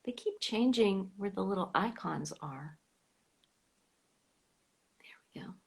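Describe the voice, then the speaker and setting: Chatting casually on a video call, an American woman runs a fan club live stream, her words now and then fading into soft whispers. She speaks slowly and expressively in a mid-range voice marked by vocal fry.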